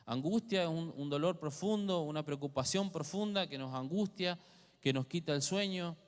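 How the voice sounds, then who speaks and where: A man's voice: a little high, normal speed, clear, resonant tone. Argentine man preaching a sermon. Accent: Argentine Spanish. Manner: teaching, asks the congregation questions. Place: church hall. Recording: long hall reverb.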